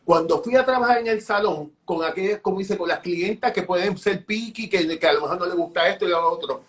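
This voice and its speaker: High-voiced animated man telling stories. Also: brisk. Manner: animated, acts out dialogue, repeats words. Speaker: hairdresser. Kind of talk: storytelling interview chat.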